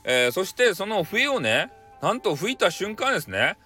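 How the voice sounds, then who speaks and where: A man's voice: high-pitched, big pitch swings, normal speed, pushed and bright, faint music behind. A man with a Hakata accent casually retelling a folk tale for bedtime, playful and rambling. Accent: Hakata dialect. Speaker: storyteller.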